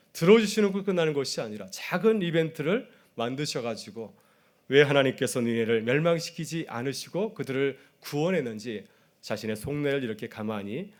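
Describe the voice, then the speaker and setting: A man as a pastor preaching a Sunday sermon. He asks the congregation questions directly and acts out the voices in his stories. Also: mid-range voice. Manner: storytelling preacher who acts out quoted voices.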